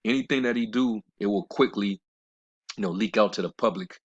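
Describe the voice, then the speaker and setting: A man giving informal scripture commentary in a blunt, scornful way, rambling with fillers and slowing down to read verses. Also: lowish voice, slightly rough. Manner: rambling, with many fillers and restarts; reads scripture in a slower, measured cadence. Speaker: religious commentator. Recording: dull lo-fi recording.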